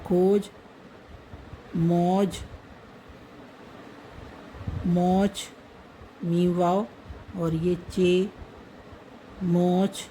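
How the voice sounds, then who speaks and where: A woman teaching how to write words in a script, spelling out each letter slowly and repeating the words as she goes. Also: fairly low pitch, flat delivery, dark tone, a little hiss or hum, poor audio. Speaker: language teacher. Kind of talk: slow step-by-step writing lesson.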